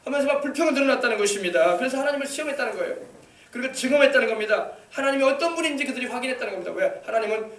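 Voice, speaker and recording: A man's voice: extremely high pitch, expressive, very fast, fairly bright tone. A male pastor preaching an emphatic sermon, exhorting the congregation with rhetorical questions. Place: church sanctuary. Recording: echoey church hall, mic at a distance.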